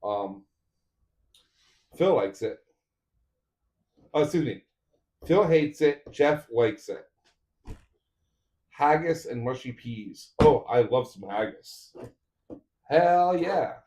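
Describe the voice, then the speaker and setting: A man with an expressive, medium-pitched, slightly mellow voice speaks slowly with long pauses. He's a streamer building a 3D printer, rambling and chatting casually with viewers as he assembles it, in a roomy space with echo.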